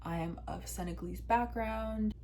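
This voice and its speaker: A vlogger in her twenties from Washington, D.C., tells her channel a personal story in a candid, chatty way, sprinkling in lots of "um" and "like." Her voice is medium-pitched and warm at a moderate pace, with slight background noise.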